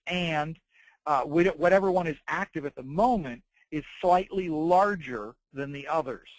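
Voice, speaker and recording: Man giving a halting product walkthrough. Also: mid-range voice, dry recording, poor audio. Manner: halting, piecemeal explanation. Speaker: presenter demonstrating dictation devices and software. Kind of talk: informal product tutorial narrated over slides.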